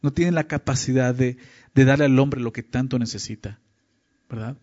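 A man's voice: mid-range voice, moderate pace, a little mellow. A man preaching a teaching sermon, often checking in with his listeners with short questions. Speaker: pastor. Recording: dull lo-fi recording.

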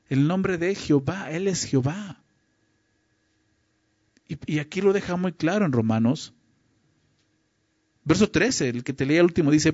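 Man, pastor, sermon, rhetorical questions, slightly high pitch, dry muffled recording. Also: darkish tone, no room sound. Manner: asks the listener frequent rhetorical questions. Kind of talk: sermon teaching.

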